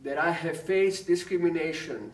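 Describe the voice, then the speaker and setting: A man's voice: fairly high pitch, moderate pace. Guy in his 50s from tanzania, dry jokes, roomy echoey sound. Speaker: interviewee, parent. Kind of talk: candid family interview. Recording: roomy, distant mic.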